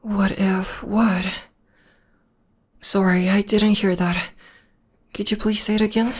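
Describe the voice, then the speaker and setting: A voice actor plays a gentle, devoted young witch girlfriend in an ASMR audio roleplay, close to the mic, her mid-range voice breathy, slow and fairly flat in pitch. She comforts in a soft half-whisper, tender and reassuring.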